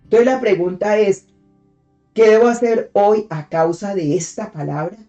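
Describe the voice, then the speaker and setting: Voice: medium pitch, measured pace, warm tone, muffled recording, faint music behind. A devotional preacher giving a sermon, teaching step by step, asking rhetorical questions and repeating key phrases for emphasis.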